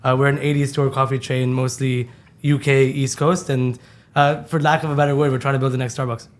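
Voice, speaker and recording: Fast-talking man from Dubai. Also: medium pitch, little pitch movement. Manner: candid, loose, casual swearing. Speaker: podcast guest, company co-founder. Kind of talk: casual podcast conversation.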